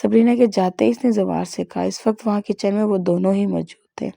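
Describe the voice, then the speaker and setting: A woman narrating a romance novel in a steady, expressive storybook reading. Her voice is mellow and warm with a gravelly texture. The recording is dry and close, with no room sound. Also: medium pitch, no echo.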